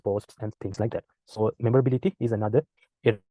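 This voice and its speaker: A man's voice: lowish voice, fairly even intonation, quick pace, mellow, slightly rough, no room sound. A man giving an online lecture from outdoors, his voice breaking up in a buffering stutter over a phone hotspot, explaining with many "uh" fillers. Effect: buffering stutter from a choppy mobile hotspot connection. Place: outdoors while traveling. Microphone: video call over a phone hotspot.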